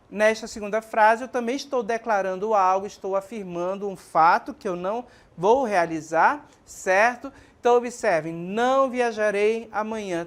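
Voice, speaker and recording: Didactic Brazilian woman teacher. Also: medium pitch. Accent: Brazilian Portuguese. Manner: didactic, frequent checking questions like ok and certo; addresses students warmly as minha gente and pessoal. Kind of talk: televised classroom lesson.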